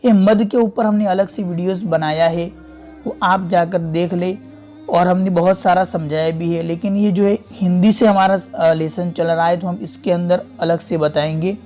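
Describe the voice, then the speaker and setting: A man teaching a Quran reading lesson step by step, slowly repeating and drawing out each example word. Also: high voice, steady tone, a little mellow, faint music behind. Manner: slow, patient, repeats and stretches out example words.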